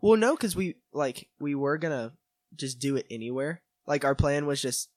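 A man's voice: fairly high pitch, animated, normal speed, dry recording. A man co-hosting a podcast in an easygoing, agreeable way, chatting in a basement. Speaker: podcast co-host. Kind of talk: casual chat.

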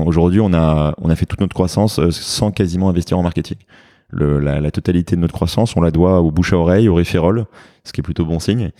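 Man, French accent, very low dark voice, dry sound, stop-start speech full of fillers. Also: no echo. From France. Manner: hesitant, many fillers and restarts. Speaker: fitness studio founder. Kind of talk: business interview.

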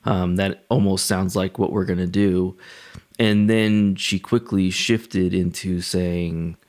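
The pastor shares personal anecdotes in a relaxed, hesitant, contemplative devotional manner, speaking conversationally. His voice sits low, with a steady, darkish tone.

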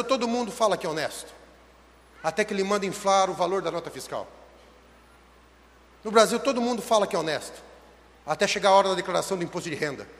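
A man with a Brazilian Portuguese accent preaching a sermon, swinging from shouted lines to hushed low ones. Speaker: pastor. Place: church hall. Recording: long hall reverb.

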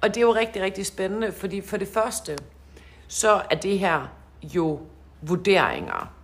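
A woman's voice: mid-range voice, big pitch swings. A woman co-hosting a casual podcast chat, a coach who talks in a chatty, laughing way and often repeats words.

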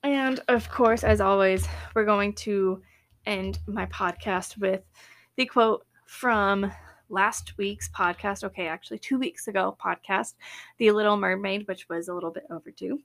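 A woman's voice: mid-range voice, a little slow, fairly bright tone. A young woman hosting her own podcast, chatting casually and cheerfully with plenty of fillers and little laughs. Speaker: podcast host. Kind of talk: casual solo podcast chat.

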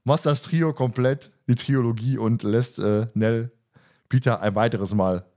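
Guy cohosting a podcast, chatty and quick, middle voice, laughs a bit. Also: mid-range voice, warm tone. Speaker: podcast co-host. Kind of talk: casual chat.

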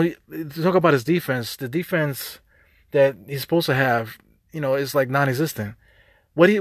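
A man's voice: mid-range voice, no echo, clean studio sound. A man with a New York accent hosting a podcast, ranting off the cuff in streetwise slang, repeating himself as he gets worked up. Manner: fired-up, rambling, repeats words, streetwise slang. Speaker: podcast host. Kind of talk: unscripted sports rant.

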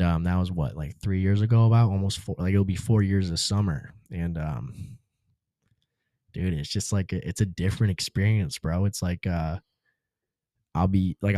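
A man's voice: deep voice, mellow, no echo, studio quality. A man guest on a podcast, telling a personal story in a casual, laid-back way, full of slang like "dude" and "bro".

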